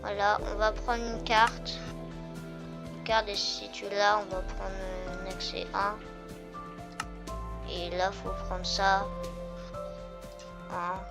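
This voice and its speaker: Slow-talking woman commenting on gameplay. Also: mid-range voice, level tone, creaky. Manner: chatty, thinking aloud with fillers. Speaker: gaming video host. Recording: game music playing behind.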